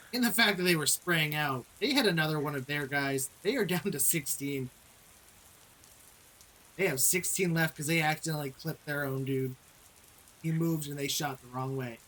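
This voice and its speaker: A man's voice: a little high, a bit bright, low-quality recording. A man acting as game master, narrating combat and calling for dice rolls in a tabletop game. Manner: measured, calls for rolls and narrates combat results.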